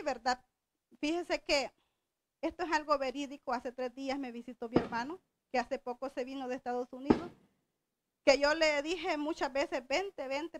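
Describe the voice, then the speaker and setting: A woman's voice: high voice, slight background noise. A middle-aged woman from El Salvador preaching a sermon in a conversational way, often asking the congregation questions.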